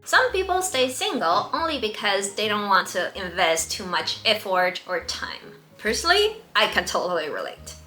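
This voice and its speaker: A woman's voice: mid-range voice, big pitch swings, moderate pace, few pauses, bright, forceful tone, faint music behind. A young adult woman presenting a scripted advice video as host, speaking confidently and directly to the viewer.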